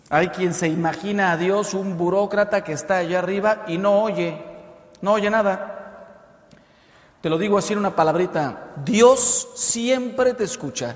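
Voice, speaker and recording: Mexican priest, 50s, chatty lively sermon, slightly high voice, echoey room. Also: male voice. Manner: lively, conversational preaching with acted-out jokes. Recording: echoey hall reverb.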